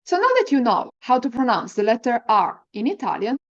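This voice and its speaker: Woman language teacher, rolled R drill, lively intonation, encouraging, deliberate example words, slightly lo-fi recording. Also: a little high. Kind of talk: pronunciation lesson with slow, repeat-after-me example words.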